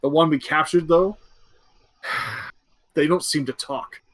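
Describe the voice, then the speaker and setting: A man's voice: a little high, slow pace, a bit bright, no room sound. A man voicing a nervous, deferential male soldier who speaks hesitantly and apologetically to his lord.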